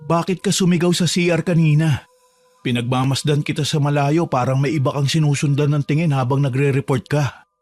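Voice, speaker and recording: A man voicing a calm, protective gardener who reassures a trapped girl in a horror drama. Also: brisk, no room sound, lightly acted. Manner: calm, reassuring, low-key. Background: faint music.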